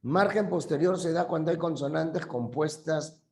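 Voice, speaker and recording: A man's voice: a little high, moderate pace, creaky, reverberant. A male teacher giving a classroom language lesson, patiently repeating key terms and checking that students follow.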